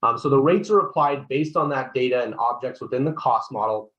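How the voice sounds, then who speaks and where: A man presenting a software product walkthrough on a webinar. He explains steps one by one, keeps checking in with "right?", and often restarts his sentences. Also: mid-range voice, fairly quick, muffled recording. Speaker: solution consultant presenting a software demo.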